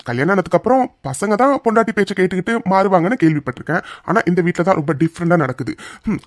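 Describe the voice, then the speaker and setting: A teasing young cartoon husband, voiced by the narrator who mock-sulks at his grandmother. He talks fast, in a mid-pitched voice, and the sound is dry and close. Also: no echo, close to an everyday voice.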